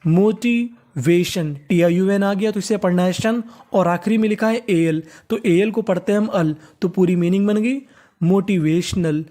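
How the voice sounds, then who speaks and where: An adult teacher, giving a step-by-step lesson, spelling words letter by letter and repeating them slowly. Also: medium pitch, steady tone, dark tone. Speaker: English teacher.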